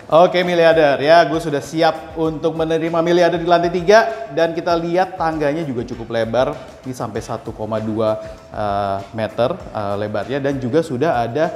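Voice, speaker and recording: A man's voice: fairly high pitch, moderate pace, a little mellow, soft background music. A man presenting a property on a walking house tour, talking upbeat and straight to the viewers. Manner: upbeat, addresses viewers directly. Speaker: real estate house tour host.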